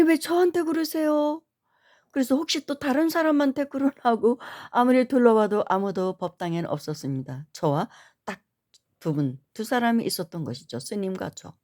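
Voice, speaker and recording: A middle-aged woman earnestly recounting a personal spiritual dream, often pausing with an affirming "yes". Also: fairly high pitch, dark tone. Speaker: spiritual storyteller. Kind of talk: personal storytelling.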